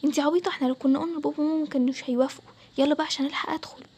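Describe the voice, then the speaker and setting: Bold young Egyptian boy, a woman voicing, high, fast and sure of himself, cartoon story. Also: fairly even intonation. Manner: confident, reassuring, hushed at times. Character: bold young boy Adam, daring treasure hunter.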